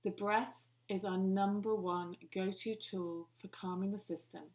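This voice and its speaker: A woman leads a guided wellbeing lesson at a mid-range pitch. She speaks calmly and eases her pace whenever she talks the listener through breathing steps. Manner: calm, slows down for breathing cues. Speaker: wellbeing workshop host.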